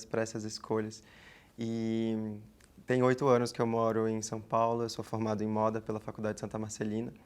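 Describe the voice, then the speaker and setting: A man's voice: fairly low pitch, smooth. A man in his twenties from the Amazonas region of Brazil, a guest in an interview who speaks in a chatty, reflective way and often adds tag fillers. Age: 20s. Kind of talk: casual interview talk.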